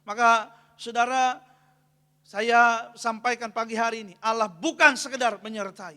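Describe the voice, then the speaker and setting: In a church hall with a long, echoing reverb, a pastor preaches at a measured pace in a very high-pitched, steady, sharp voice. He leads call-and-response, asking the congregation questions and often having them fill in the ends of his sentences.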